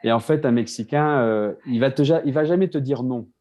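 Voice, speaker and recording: Halting French man telling his story. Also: medium pitch, a little mellow, highs cut off. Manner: halting, many restarts and repeated words. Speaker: guest, beer business co-founder. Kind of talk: casual interview talk. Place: Mexico City.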